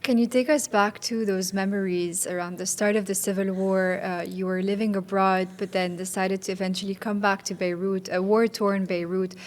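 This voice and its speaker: A woman hosts an interview podcast. Her voice sits in an ordinary middle pitch. She listens attentively, adds short affirmations, and asks clear questions. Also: flat delivery, normal speed, hardly any pauses. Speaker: podcast host. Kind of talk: interview hosting.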